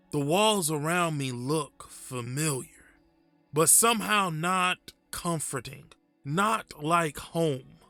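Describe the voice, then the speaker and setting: A man performs a frightened, muddled man telling his own horror tale in hushed, creeping unease. The delivery is very slow and halting, with a slightly high male pitch and a wry edge. Soft music sits behind the roomy sound. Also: exaggerated voice. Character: frightened confused man haunted by screaming apparition, wry. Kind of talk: first-person horror story narration.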